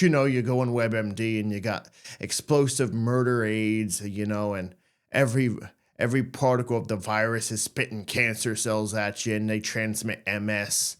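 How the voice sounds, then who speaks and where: A man hosting a podcast, talking casually and candidly about anxiety, joking and acting out his own worried thoughts. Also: fairly low pitch. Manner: candid, jokey, acts out anxious thoughts. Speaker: podcast host. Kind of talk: casual self-help monologue.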